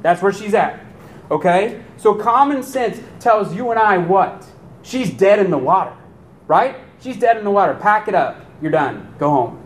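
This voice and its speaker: A pastor preaching a sermon to his congregation in a lively, animated way, firing off rhetorical questions. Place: church sanctuary. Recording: echoey room with faint rumble.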